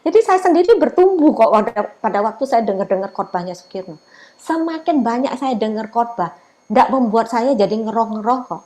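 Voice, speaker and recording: A woman's voice: fairly high pitch, a little mellow. A middle-aged woman giving a casual, chatty testimony sermon at a prayer meeting, telling her story with many fillers.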